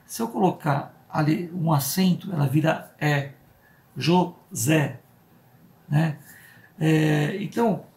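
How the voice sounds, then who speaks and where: A Brazilian pastor teaching a church Bible school class, explaining step by step and often checking in with "né?" and "tá?". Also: male voice, on the high side, creaky, darkish tone. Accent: Brazilian Portuguese. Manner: slow, deliberate, spells out letters. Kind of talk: Bible study lesson.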